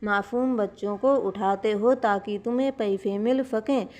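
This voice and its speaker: A woman's voice: mid-range voice, fairly even intonation, a little slow, a little mellow, natural voice. A woman voicing an angry young man who accuses a stranger in a storybook tale. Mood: accusing. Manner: stern, accusing, commanding.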